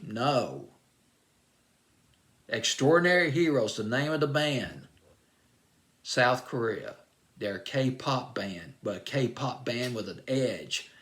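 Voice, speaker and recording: Hosting a music countdown show on the radio, a man with a Southern US accent rambles enthusiastically about a song, restarting phrases and drawing words out. His voice is medium in pitch with a fairly bright tone.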